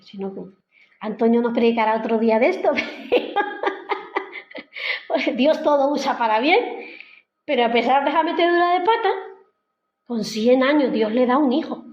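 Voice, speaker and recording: Brief: woman, conversational lay preacher, slightly high voice, muffled echoey hall sound. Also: animated, measured pace, pauses often. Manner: conversational, retells the story in her own words with frequent "¿no?" tags. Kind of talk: informal church sermon. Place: church hall.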